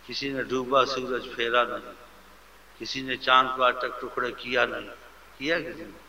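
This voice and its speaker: A man preaching a devotional sermon with fervent, animated delivery, sometimes mimicking how people speak to others. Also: medium pitch. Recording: lo-fi recording with faint ambience.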